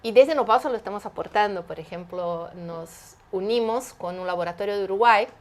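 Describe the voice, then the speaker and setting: An entrepreneur guest, a woman, talks fairly quickly in a mid-range voice during an animated interview. She lays out her ideas emphatically, often asking rhetorical questions along the way.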